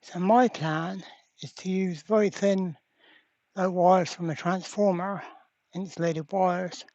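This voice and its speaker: Speaking slowly in a steady, darkish medium-pitched voice, this repair video presenter thinks aloud hesitantly while working at the bench. There is no room sound, though the lo-fi audio comes across dull and muffled.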